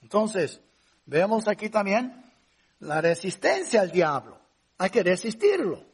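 A man's voice: high-pitched, very animated, unhurried, breathy edge. A man preaching a conversational sermon as pastor, rising to emphatic points now and then.

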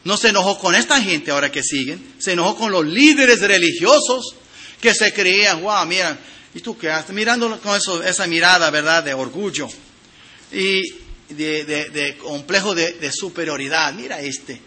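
A man preaching a sermon, reading scripture aloud and addressing the congregation directly with emphatic swings of loudness. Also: high voice, moderate pace, husky. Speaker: pastor.

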